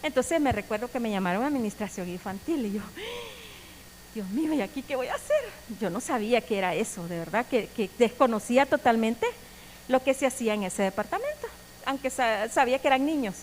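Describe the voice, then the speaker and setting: A middle-aged woman, giving an earnest personal testimony sermon in a strong, loud voice. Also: on the high side, animated, fast talker, slight background noise, rough recording. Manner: strong, loud voice, cannot speak softly; earnest, emotional storytelling. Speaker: preacher.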